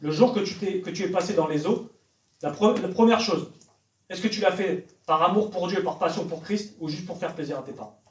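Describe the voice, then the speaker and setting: Echoey preacher with a raised voice. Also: male voice, sits high, a little fast. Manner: direct, questioning the audience. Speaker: evangelist preacher. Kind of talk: sermon to young people. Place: church hall. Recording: echoey church hall, from far off.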